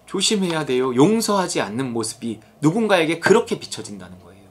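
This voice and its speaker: A man's voice: on the high side, very animated, fast talker, slightly rough. A man giving a sermon-style Bible lecture, speaking straight to his listeners and acting out the characters he talks about. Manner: acts out characters' voices, exclaims and addresses listeners directly.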